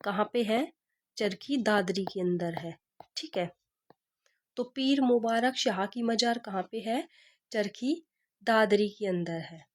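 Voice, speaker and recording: A woman's voice: mid-range voice, takes it slowly, long pauses. A woman teacher gives an exam-prep lesson, repeating each question and answer and teaching memory tricks. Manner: repeats questions and answers, asks rhetorical "kya hai?".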